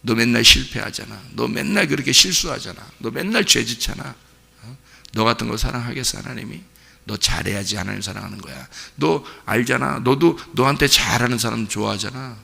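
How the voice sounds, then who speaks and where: A man's voice: mid-range voice, fairly quick, gravelly, bright, forceful tone, breathy edge, full character voice. A man voicing the devil as a sly male tempter in a sermon, taunting and needling the listener.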